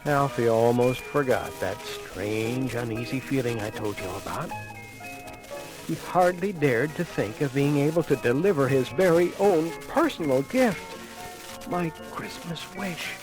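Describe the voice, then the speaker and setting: On a vintage 1980 vinyl children's Christmas read-along record, a male storyteller with a mid-range voice narrates in an animated, conversational way over music. He speaks directly to the listener, using dramatic pauses.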